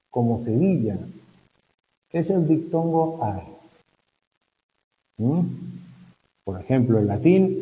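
A man teaches a class in a slow, unhurried way, pausing to check that his students follow. His voice is very dark and mellow. The sound is dull and lo-fi, with a long reverb from the lecture hall. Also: mid-range voice. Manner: explanatory, checks in with frequent questioning hums. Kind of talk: classroom lecture on Latin abbreviations.

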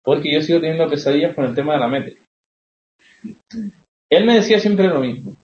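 A man's voice: a little high, expressive, fairly quick, darkish tone, a little hiss or hum. Man lecturing in a roomy classroom. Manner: explanatory, keeps checking with questions. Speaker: literature teacher. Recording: roomy, dull classroom recording.

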